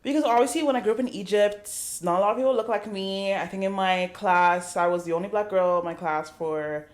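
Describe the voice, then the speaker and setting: A woman's voice: mid-range voice, a little fast. Reflective young woman telling her story. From Nigeria. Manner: reflective storytelling, full of fillers. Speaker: podcast guest. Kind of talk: casual interview chat.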